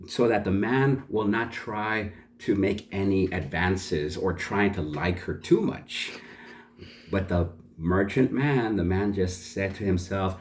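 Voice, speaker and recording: A storyteller with a lowish voice tells a folk tale for learners in a chatty manner, pausing to ask listeners questions and explain words. A little hiss or hum sits in the recording.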